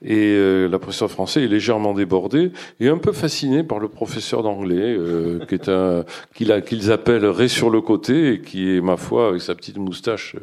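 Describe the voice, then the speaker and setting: A man's voice: lowish voice, moderate pace, few pauses, darkish tone. A man, an author, talking hesitantly in an interview and reading expressively from his own book into a handheld mic. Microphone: handheld microphone.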